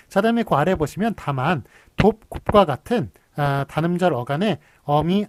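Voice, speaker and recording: A man's voice: fairly high pitch, darkish tone, no room sound. A man from giving a recorded university lecture, explaining patiently with many fillers and restarts and drawing out his examples. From Seoul.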